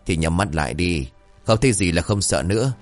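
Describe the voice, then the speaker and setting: A man voicing a bossy, short-tempered old exorcist who barks orders and curses, with a low voice and lively pitch, over faint music. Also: fairly quick. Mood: commanding.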